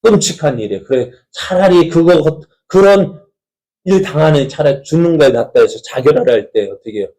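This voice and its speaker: A man's voice: fairly high pitch, animated, brisk, warm tone, poor audio. A male pastor preaching a sermon in a conversational way, asking the congregation many rhetorical questions.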